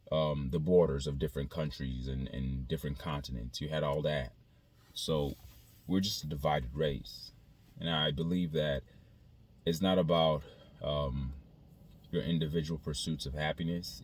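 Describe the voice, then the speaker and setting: Very deep-voiced man thinking aloud. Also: a little hiss or hum. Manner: halting, reflective, repeats phrases as he thinks aloud. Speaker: video creator. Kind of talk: casual spoken monologue to viewers.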